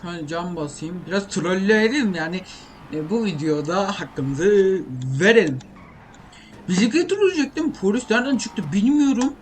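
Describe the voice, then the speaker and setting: This young gaming creator's high voice is animated and moderately paced as he rambles through informal gameplay commentary, thinking aloud. The clearly noisy home recording picks up typing and keyboard clicks.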